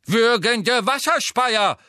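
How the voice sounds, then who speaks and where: A man voicing a fussy elderly male examiner who is easily outraged, fretting in slow, indignant tones. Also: very high-pitched, lively intonation, bright, forceful tone, dry recording, studio quality, pitched above the performer's own voice, exaggerated voice.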